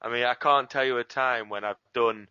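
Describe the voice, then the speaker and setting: A bright, forward man chats about writing his abridged series, quick and self-deprecating. The audio is dull and lo-fi, and dry with no room around it. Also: mid-range voice, steady tone, clear, resonant tone, no room sound. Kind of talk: casual interview chat.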